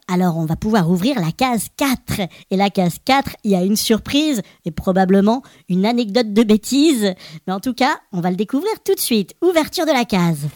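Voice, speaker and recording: A woman's voice: medium pitch, darkish tone, no echo, studio quality, lightly acted. A woman playing a cheerful little male Christmas elf, hosting a children's podcast with playful exclamations. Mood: cheerful, excited. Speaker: podcast host.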